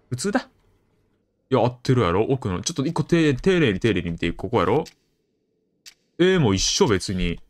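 A young man with a Kansai accent commenting on a horror game as he plays, chatty and jokey, with sudden loud outbursts. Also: mid-range voice. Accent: Kansai Japanese. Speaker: game streamer.

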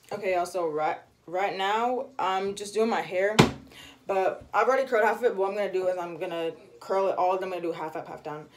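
A woman's voice: on the low side, slight background noise. A teenage girl chatting casually to her viewers while getting ready, calling them y'all. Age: teens. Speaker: vlogger. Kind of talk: casual vlog chat.

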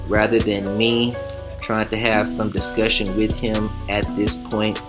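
A man calmly narrating a walkthrough of an apartment building he is renovating, explaining each step in a measured, instructive way. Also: fairly low pitch. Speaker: property investor and renovation vlogger. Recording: echoey empty rooms, background music.

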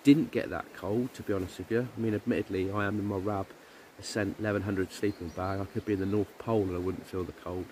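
Low-voiced guy vlogging from a woodland camp, chatty, lots of ums, faint outdoor noise behind. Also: fairly even intonation, fast talker, hardly any pauses, a little mellow. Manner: chatty and easygoing, with frequent ums. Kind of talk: casual chat to camera.

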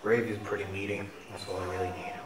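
A man's voice: lowish voice, little pitch movement, fast talker, roomy sound, distant mic, noisy background. A man doing a parody food review, talking muffled through a face mask with mock-melodramatic complaints. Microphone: head-mounted camera.

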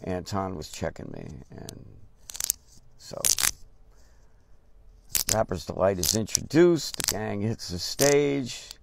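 An older man telling a casual story about his drumming days, halting and unhurried, with many pauses and restarts. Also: lowish voice, big pitch swings. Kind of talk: casual spoken anecdote. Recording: noisy recording with clear background hiss.

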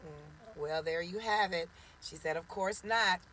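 A woman in her forties greets viewers by name and teases them during a laid-back live stream from her parked car. Her voice is fairly low and a bit bright, with a measured pace, picked up by a phone camera at arm's length with a little hiss or hum.

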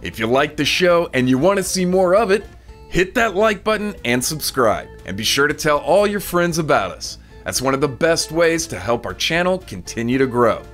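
A man reads a scripted travel narration with a fairly high, lively voice that rises and falls a lot. His delivery is informative, like a tour guide. Faint music plays underneath. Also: normal speed. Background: soft music bed.

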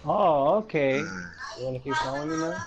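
Woman gamer, low voice, teasing mock-threat banter, dull noisy recording. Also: lively intonation, moderate pace. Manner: playful trash talk, mock threats. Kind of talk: casual let's-play banter. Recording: dull lo-fi sound with clear background noise.

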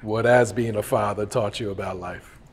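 A man's voice: lowish voice, steady tone, moderate pace. A man interviewing a guest, asking casual questions and giving short agreeing replies.

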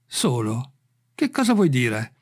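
A man voicing an excitable, feverish gentleman who gives urgent orders, in an audiobook reading. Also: medium pitch, slow, exaggerated voice. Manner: agitated, urgent.

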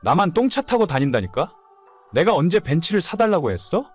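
A man's voice: fairly high pitch, big pitch swings, a little fast, husky, soft background music. A man playing an immature, whining, hungover husband in his late thirties in a dramatized story. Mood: whiny, insistent. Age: late 30s. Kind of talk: dramatized audio story dialogue.

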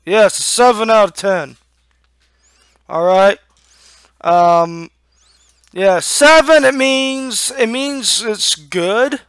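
High-voiced young man, lip full of dip. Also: very slow, pauses often, a bit bright, clear, resonant tone, dry recording, studio quality. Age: young adult. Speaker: amateur product reviewer. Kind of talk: casual review to camera. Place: small room at home. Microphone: headset microphone.

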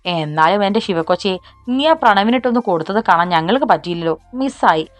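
A woman's voice: medium pitch, lively intonation, a little fast, no echo, soft background music, close to an everyday voice. A woman voicing a protective older brother who jokes with his sisters. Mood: playful. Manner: caring, playful.

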